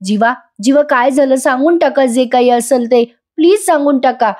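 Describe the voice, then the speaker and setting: Young wife begging for calm, mellow and raised, voiced by a woman. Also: high voice, moderate pace, pitched above the performer's own voice, natural voice. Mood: pleading. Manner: pleading.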